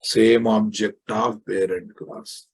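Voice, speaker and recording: Husky Telugu-accented Indian man teaching, slow pace. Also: on the low side, steady tone. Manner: blunt, scolding, repeats phrases emphatically. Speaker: software programming teacher. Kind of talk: informal live online lecture.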